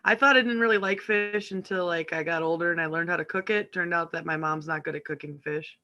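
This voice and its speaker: Playful live-show co-host, high bright male voice, home video call, jokes and laughs a lot. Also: fairly quick, muffled recording. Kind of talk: casual joking chat. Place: at home, family in kitchen nearby.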